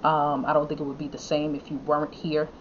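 A woman's voice: sits low, flat delivery, fairly quick, muffled recording, a little hiss or hum. A woman hosting a casual podcast, talking in an affirming, thankful way with loose fillers. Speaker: podcast host.

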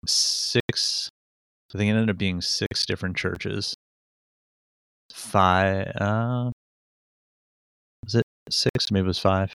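On a studio microphone in Connecticut, a forties-aged podcast co-host talks casually with lots of fillers, restarts, and self-deprecating rambling. The voice is low yet a bit bright, clean in tone and dry.

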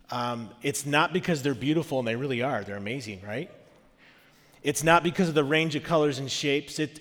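A man with a gravelly, smoky voice, getting over a cold, preaching conversationally to a congregation in an informal, slightly halting way. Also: mid-range voice, fairly bright tone. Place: large reverberant room, live service. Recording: reverberant hall.

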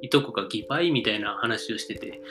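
A man presenting English pronunciation tips in a casual solo talk, relaxed and thinking aloud with fillers as he explains. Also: fairly low pitch, fairly quick, music in the background.

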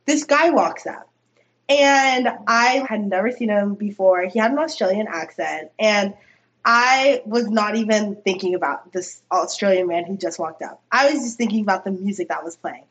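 A woman's voice: mid-range voice, normal speed, fairly bright tone. A young woman telling a story in a casual podcast chat, full of fillers and giggles. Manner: chatty, lots of fillers, giggly. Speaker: podcast guest.

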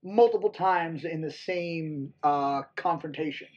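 Husky, higher-voiced man chatting casually. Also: a little slow, darkish tone. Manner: opinionated, joking. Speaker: wrestling podcast co-host. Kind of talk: casual chat commentary. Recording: dull, lo-fi audio.

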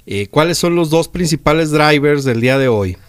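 A man's voice: a little high, expressive, normal speed, clean tone, no echo. A man with a Mexican accent chatting casually as a co-host on a radio show.

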